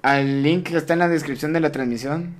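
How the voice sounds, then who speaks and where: A man's voice: a little high, brisk. Mexican man hosting a crude live podcast. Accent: Mexican Spanish. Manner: crude, joking, laughs often. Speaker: podcast host. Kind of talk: casual live-stream chat. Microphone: close mic.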